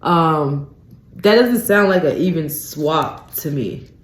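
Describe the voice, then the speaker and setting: A woman's voice: low voice, animated, slow. A woman hosting a solo radio talk show, ranting in disbelief and tossing in "you guys" and "um" as she talks. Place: radio studio. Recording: roomy, echoey studio sound.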